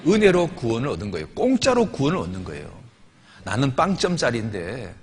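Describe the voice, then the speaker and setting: A man's voice: medium pitch, wildly swooping pitch, a little fast, husky. A male pastor preaching a sermon, telling a story with emphatic repetition. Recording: long hall reverb.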